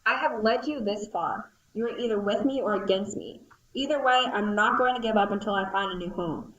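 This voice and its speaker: A woman's voice: mid-range voice, a little fast, echoey room, dull audio, a little hiss or hum, lightly acted. A woman voicing a determined female worker bee who leads her colony in an amateur audio drama. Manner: resolute, rallying.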